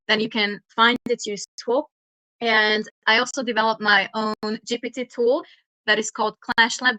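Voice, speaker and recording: Bright woman speaker. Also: fairly high pitch, no room sound, low-quality recording. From Hungary. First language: Hungarian. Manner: earnest, with frequent hesitations. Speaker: guest speaker, startup mentor. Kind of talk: online talk presentation.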